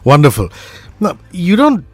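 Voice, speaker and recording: In a radio studio, a man hosts a morning show, chatting and joking with his guest and laughing often. His high-pitched voice swings hugely in pitch, and he talks a little slowly.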